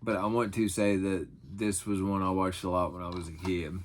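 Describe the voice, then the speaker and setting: A man's voice: low voice, little pitch movement, moderate pace, slight background noise. A middle-aged man chatting casually in a folksy, rambling, self-deprecating way, as in an unscripted haul video. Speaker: vlogger showing thrift finds.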